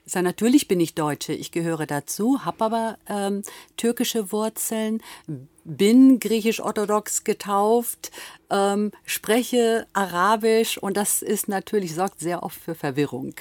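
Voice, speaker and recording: A woman's voice: medium pitch, measured pace, a little mellow, no room sound. A woman from Turkey speaking hesitantly as a talk show guest, with frequent filler sounds. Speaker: guest, social association worker.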